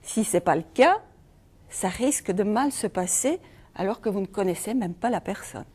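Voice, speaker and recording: A woman's voice: medium pitch, animated, normal speed, a little mellow, husky. A middle-aged Belgian woman giving a conference talk on feng shui, asking the audience rhetorical questions. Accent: Belgian French.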